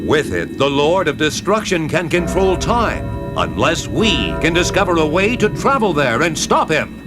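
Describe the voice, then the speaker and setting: A man's voice: a little high, sing-song, moderate pace. A man playing a brave warrior hero in a children's cartoon, earnest, bold and declamatory. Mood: resolute. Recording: loud music behind the voice.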